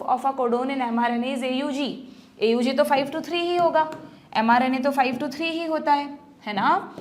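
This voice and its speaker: A woman biology teacher giving an exam-prep lecture, explaining step by step, calling her students children and often checking that they follow. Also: high-pitched. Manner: addresses students as children, mixes English terms into Hindi.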